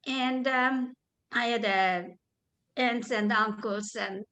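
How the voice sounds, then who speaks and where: Older hungarian-born woman, bit higher voice, lots of ums, clears her throat, video call. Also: slow, sharp tone, poor audio. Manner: hesitant, with many fillers and throat clearing. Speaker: Holocaust survivor guest. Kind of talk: spoken testimony in conversation.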